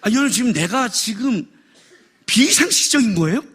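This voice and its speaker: A middle-aged male pastor delivering a sermon at a worship service, animated and joking, raising his voice for effect. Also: extremely high pitch, normal speed, slightly rough. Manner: animated, jokes and raises voice for effect.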